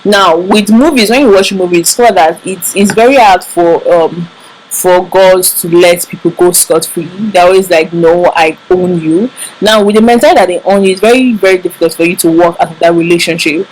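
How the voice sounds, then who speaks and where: Her voice on the low side, darkish and moderately paced, the Nigerian woman earnestly and emphatically advises viewers on relationships to camera, repeating words for emphasis in her Nigerian English accent. The low-quality recording carries a little hiss or hum.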